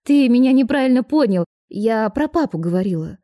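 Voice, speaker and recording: A woman's voice: medium pitch, measured pace, dark tone, close to an everyday voice. A woman voicing a grandmother magically made young again, eager and prone to blurting things out. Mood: flustered.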